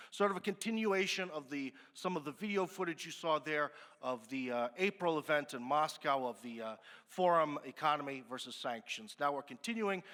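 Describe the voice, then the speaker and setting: An American man moderates a business forum onstage, chatting in a relaxed way and filling pauses with plenty of fillers. His bright, fairly high voice rings with the long reverb of a big conference hall.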